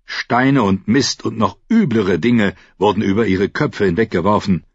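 A man reading a fantasy novel aloud with dramatic, expressive narration. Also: fairly low pitch, a little slow, husky, no room sound. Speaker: audiobook narrator. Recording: dry, slightly dull audiobook recording.

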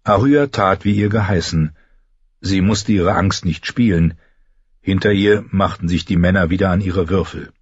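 A man narrating a fantasy story in an audiobook with measured, even delivery. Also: deep voice, breathy edge, no room sound, dull audio.

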